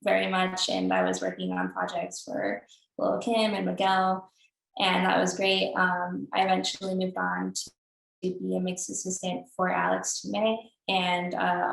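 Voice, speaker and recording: A woman's voice: lowish voice, creaky. A young woman audio engineer on a virtual panel, talking casually with many fillers. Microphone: video call. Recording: roomy video call audio.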